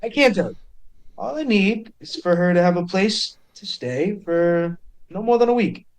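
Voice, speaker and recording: A man plays an evasive rogue who fumbles for words and hurries through what he says. The voice sits high and swings up and down a lot. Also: animated, normal speed.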